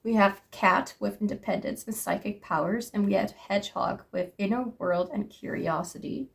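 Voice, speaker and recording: A woman's voice: mid-range voice, normal speed, creaky. A young woman in her twenties doing a casual tarot reading, chatting aloud to her cards and to spirit. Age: 20s. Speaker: tarot reader.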